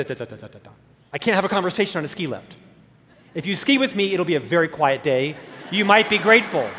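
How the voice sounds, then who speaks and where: A keynote speaker in his fifties with a stutter tells his life story with self-deprecating humor at a motivational conference. His high, somewhat bright voice carries from a large conference hall stage with a long reverb.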